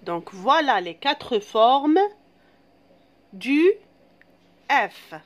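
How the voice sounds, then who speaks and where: A woman teacher giving a slow, patient phonics lesson, drawing out each syllable. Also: a little high, lively intonation.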